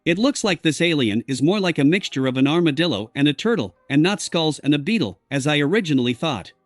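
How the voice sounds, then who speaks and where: Man reading a curious young girl, audiobook, lively, dry. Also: a little high, fast, no echo, faint music behind, natural voice. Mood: chatty.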